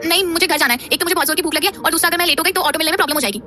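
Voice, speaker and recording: A woman voicing a feisty, outspoken young college girl with quick, teasing comebacks. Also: very high-pitched, voice pushed up. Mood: playful. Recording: background music under voice.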